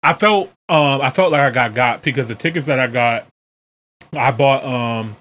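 A man's voice: mid-range voice, moderate pace, a bit bright. An American man hosting a podcast, chatting casually in a colloquial, slangy way. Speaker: podcast and reaction video host. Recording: clear background noise.

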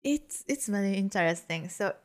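A woman's voice: medium pitch, animated, normal speed. A woman with a Japanese accent in casual chat, repeating new English words.

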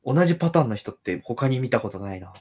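A man's voice: medium pitch, animated, fast, a little mellow, breathy edge. A man from Nagoya, a guest on a casual podcast, thinking aloud in a musing way with hesitant restarts. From Nagoya, Japan. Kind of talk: casual chat.

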